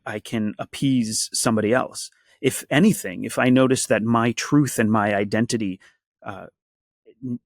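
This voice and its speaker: A man's voice: mid-range voice, no echo. Male interview guest, earnest and reflective, mid-range voice, dry close sound. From Washington, D.C. area, USA. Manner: earnest, reflective, builds long lists. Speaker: guest, actor and activist. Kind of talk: conversational interview.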